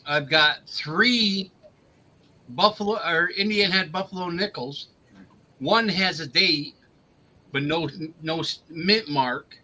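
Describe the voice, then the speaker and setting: A man in his fifties with a very bright, sharp voice pitched fairly high. He chats casually, joking and lingering on details. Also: slow, rough recording. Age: 50s. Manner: joking, chatty, detailed about his finds. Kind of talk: casual chat.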